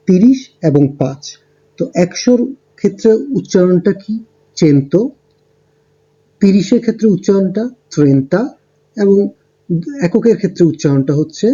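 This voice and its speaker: A man teaching a beginner language lesson, explaining step by step with frequent ums and pauses. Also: high voice, warm tone, husky, dull audio. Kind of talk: lesson narration over slides.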